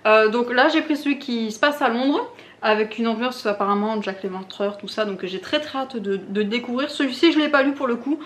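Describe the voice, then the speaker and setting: A woman's voice: a little high, brisk, a little hiss or hum. A young woman vlogging in a casual, chatty way, full of fillers and restarts. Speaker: booktube vlogger. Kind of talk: casual chat to camera.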